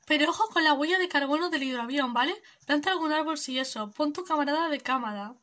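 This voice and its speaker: A woman's voice: high voice, fast, fairly bright tone, voice pushed up. A woman reading out the lines of a laid-back hippie male traveler from a video game, in a rambling, playful manner. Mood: easygoing.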